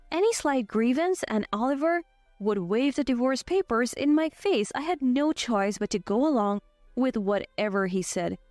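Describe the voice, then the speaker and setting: A woman in her twenties narrating a scripted first-person story with an even, steady delivery. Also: a little high, no echo. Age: 20s.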